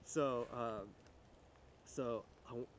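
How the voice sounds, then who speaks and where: A man's voice: medium pitch, fairly even intonation, extremely slow, slight background noise. Rambling man in casual chat. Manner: rambling, many "like"s and restarts. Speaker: video project collaborator.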